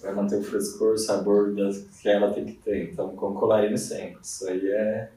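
A man, a brewer and guest on a podcast, telling stories in slangy, animated casual chat. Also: lowish voice, normal speed. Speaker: brewmaster guest. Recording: echoey room from far off.

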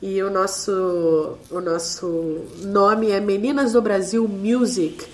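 A woman's voice: medium pitch, fairly even intonation, slow, a little mellow. Brazilian woman with a laryngitis-affected, duck-like voice. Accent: Brazilian Portuguese. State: duck-like hoarse voice, recovering from laryngitis. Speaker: interviewee, independent musician. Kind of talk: conversational online interview.

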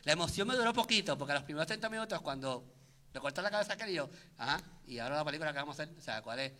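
Male co-host, bright tone, lively storyteller with many restarts. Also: a little high, rapid-fire. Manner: animated, acts out his own reactions, many restarts. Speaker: podcast co-host. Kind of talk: casual chat.

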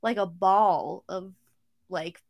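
A woman's voice: medium pitch, slow, creaky. A young woman co-hosting a podcast, chatting casually, saying "like" constantly and swearing now and then. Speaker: podcast co-host. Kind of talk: casual chat.

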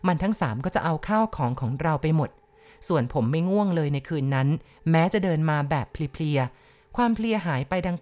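Slow, low-voiced woman reading a ghost story. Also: darkish tone. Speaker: audiobook reader.

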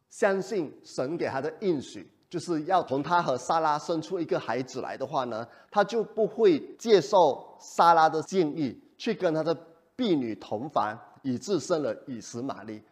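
Animated male pastor preaching. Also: on the high side. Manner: animated, asks the congregation rhetorical questions. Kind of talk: sermon.

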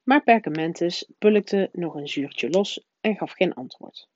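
A woman reading a children's novel aloud in a soft, low-key narrating voice. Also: expressive, measured pace, no echo. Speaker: reader. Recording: dull, dry lo-fi recording.

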